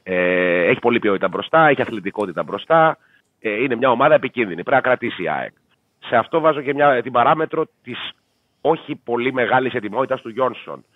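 A man talking through a football match as an analyst, measured and thinking aloud with fillers. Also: mid-range voice, expressive, no echo. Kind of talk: casual sports betting talk. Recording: tinny dry phone line.

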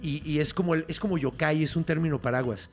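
A man's voice: fairly high pitch, quick pace, soft background music. A young man with a Mexican accent, casually explaining folklore on a podcast, full of slang and swearing. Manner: slangy, swearing, explains myths with bursts of laughing shouts. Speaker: podcast co-host telling folklore.

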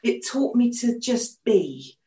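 A woman's voice: fairly high pitch, very animated, slow, background noise. An older English woman co-hosting a casual podcast chat, telling stories in a chatty way and laughing often. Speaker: co-host and artist. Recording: echoey room.

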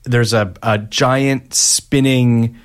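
A man's voice: medium pitch, fairly even intonation, very slow, smooth. A man co-hosting a podcast, recapping a film plot in casual chat, hesitant and laughing often. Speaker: podcast co-host.

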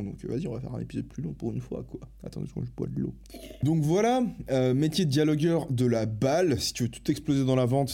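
A man's voice: lowish voice, mellow, breathy edge. A young man hosting a podcast alone, talking casually with slang and lots of enthusiasm. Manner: fast, enthusiastic, slangy and self-interrupting. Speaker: podcast host. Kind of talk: casual solo podcast talk.

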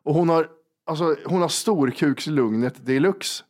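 A man with a somewhat high speaking voice is chatting casually on a podcast. He tells a crude, swear-heavy anecdote with a lot of energy and acts out the people he describes. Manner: crude, profane storytelling. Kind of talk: casual chat.

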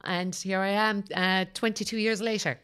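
A woman's voice: medium pitch, steady tone, moderate pace, fairly bright tone, clean tone. A woman in her forties with a south-west Irish Kerry accent, telling her story candidly and chattily in a conversational interview. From County Kerry, Ireland. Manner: chatty, candid, peppers talk with "you know". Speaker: podcast guest, financial advisor.

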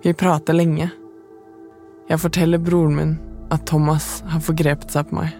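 A woman, the podcast's narrator, telling her own story in calm, measured, scripted first-person narration. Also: deep voice, soft background music.

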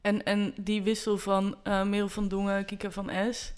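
A woman's voice: medium pitch, completely flat delivery, moderate pace, clear, resonant tone. Casual woman asking follow-up questions. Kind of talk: casual podcast discussion.

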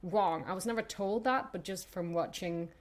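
A young Danish woman with a lowish voice shares her personal story as a guest on a podcast. She sounds thoughtful and hesitant, pausing often and filling gaps with fillers.

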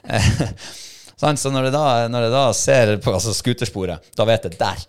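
A middle-aged man, telling a hunting-trial story in a casual chat and acting out his own thoughts and shouts. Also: medium pitch, clear, resonant tone. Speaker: podcast co-host, hunting dog handler.

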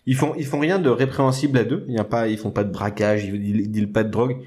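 A man's voice: lowish voice, steady tone, fast, darkish tone. A man co-hosting a casual film podcast, rambling with many restarts and jokey asides. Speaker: podcast co-host. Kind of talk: casual chat about films.

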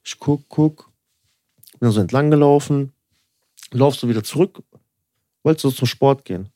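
A man's voice: mid-range voice, moderate pace, mellow, no echo, studio quality. A young man rambling through a story in casual podcast chat, packed with filler words, acting out both sides of the dialogue. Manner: rambling, lots of filler tags like "so" and "ne"; acts out dialogue in quotes. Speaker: podcast co-host.

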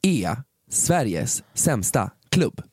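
A man's voice: mid-range voice, big pitch swings, a little mellow, husky, dry recording, studio quality. A young man co-hosting a podcast, talking in blunt, teasing banter full of swearing. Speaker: podcast co-host. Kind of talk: casual chat.

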